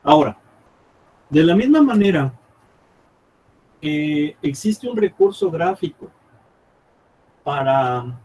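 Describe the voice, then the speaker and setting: A man teaching a math class live, thinking aloud as he draws on the board and checking often with quick questions whether the students follow. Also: fairly high pitch, big pitch swings, dark tone, breathy edge, poor audio.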